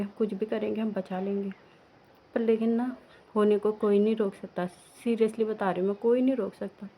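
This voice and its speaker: A young woman records a casual personal vlog at her village home, wandering through the story with fillers and restarts. Her voice has a gravelly fry at mid pitch. A faint noise sits in the background. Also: dark tone, low-quality recording. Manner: emotional, rambling with many restarts and fillers. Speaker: vlogger.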